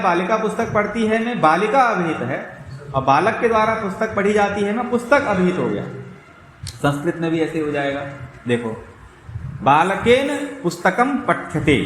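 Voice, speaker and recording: A man's voice: sits high, fairly bright tone, a little hiss or hum. A man teaching a Sanskrit grammar class, explaining step by step and often checking that students follow. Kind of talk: classroom lecture. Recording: echoey room with long reverb.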